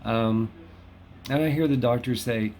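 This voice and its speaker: A mid-range, slightly mellow voice at a measured pace carries this casual monologue to camera, with a little hiss or hum in the background. The speaker is a chatty, wry, self-deprecating Los Angeles host in his fifties, recording at home in West Hollywood.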